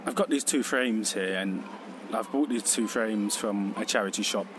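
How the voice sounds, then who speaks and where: This exhibition contributor from Vietnam speaks in a fairly low pitch, reflecting on personal experience. He is thoughtful, pausing often and correcting himself. He is recorded outdoors on a city street with traffic noise.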